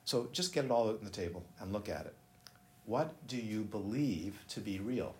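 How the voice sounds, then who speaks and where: An expressive man with a darkish voice on the low side teaches meditation at a moderate pace. His dharma talk rambles casually, and he frequently interrupts himself to put questions to listeners. The busy room is echoey, with faint ambient noise.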